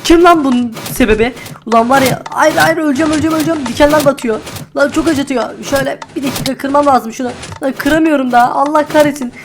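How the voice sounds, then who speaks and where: A woman's voice: fairly low pitch, brisk, noisy background, natural voice. A woman voicing a greedy, hot-tempered male diamond miner in a game role-play, who curses and grumbles and repeats himself over and over. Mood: panicked. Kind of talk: Minecraft role-play acting.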